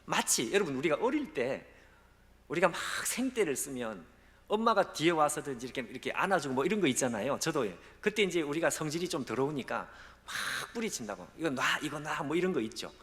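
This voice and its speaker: Animated man preaching in a reverberant sanctuary. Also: a little high, a little fast. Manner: dramatic storytelling, acting out quoted voices softly. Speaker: guest pastor. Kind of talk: sermon. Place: church sanctuary. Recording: long hall reverb.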